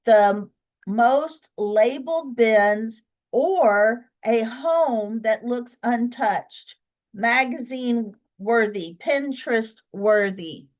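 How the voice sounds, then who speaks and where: A professional organizer hosts a casual solo podcast while congested with a cold, chatting with fillers and restarts. Her voice is a little high and very slow, and the audio is dull.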